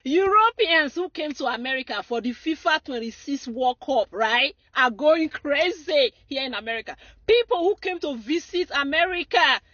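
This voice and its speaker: High bright excitable woman. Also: normal speed, hardly any pauses, muffled recording, some chatter behind. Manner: emphatic, excitable. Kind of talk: commentary to camera.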